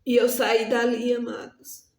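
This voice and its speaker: A woman's voice: fairly high pitch, flat delivery, a little slow, gravelly, darkish tone, reverberant. A woman preacher telling a testimony in an earnest, emotional sermon style, often calling out to her listeners. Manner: earnest, addresses the listeners as "amados".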